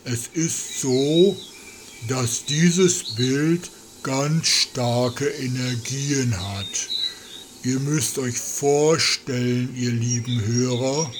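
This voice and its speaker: A solemn tree-guardian spirit, channeled by a man, speaking slowly and deliberately. His voice has a mid pitch. Birdsong and crickets fill the air behind him. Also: background noise. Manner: slow, measured, earnest. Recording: loud birds and insects behind.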